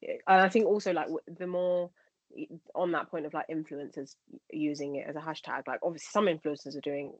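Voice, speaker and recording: A woman's voice: low-pitched, fairly even intonation, brisk, no echo, lo-fi sound. A young woman co-hosting a casual podcast discussion, thoughtful, in long winding sentences with fillers. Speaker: podcast co-host.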